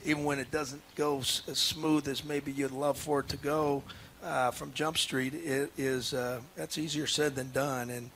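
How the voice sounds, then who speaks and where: A man's voice: mid-range voice, flat delivery, a little slow, creaky, a bit bright, a little hiss or hum. A man, a head basketball coach, talking earnestly in a casual radio interview, with many restarts and fillers. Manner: earnest, emotional.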